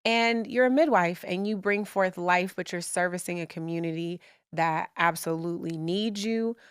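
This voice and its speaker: A woman hosting a podcast, chatting casually with a guest in a gushing, excitable way with lots of fillers. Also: fairly low pitch, moderate pace, smooth, no echo. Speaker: podcast host. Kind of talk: casual interview chat.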